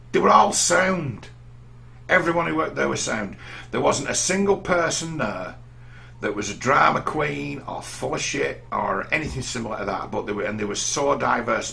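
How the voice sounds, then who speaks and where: Telling meandering personal stories in a relaxed monologue, this middle-aged vlogger from England keeps restarting his sentences. His voice is mid-range and creaky, with a sharp tone.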